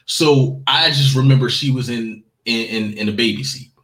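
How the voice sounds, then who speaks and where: A man's voice: mid-range voice, normal speed, fairly bright tone, rough recording. A man in his early forties telling a personal story in a casual podcast chat, full of fillers and restarts. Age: 40s.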